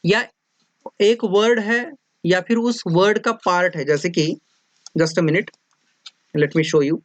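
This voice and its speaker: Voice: mid-range voice, fairly even intonation, takes it slowly, no echo. A teacher explaining a lesson in a mix of Hindi and English, often repeating points and checking that students follow. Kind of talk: classroom lecture mixing Hindi and English.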